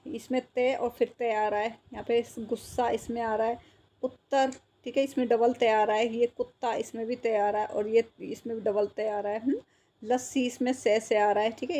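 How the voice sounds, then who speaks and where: A woman's voice: on the high side, steady tone, normal speed, dark tone. A woman teacher patiently explaining a textbook exercise to young children, repeating words and checking that they follow.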